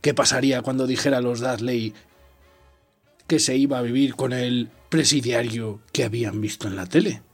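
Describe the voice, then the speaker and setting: A man's voice: mid-range voice, fairly even intonation, normal speed, husky, soft background music. A man reading a novel aloud, taking turns with a partner, telling it dramatically and dropping to a whisper in tense moments. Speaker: reader.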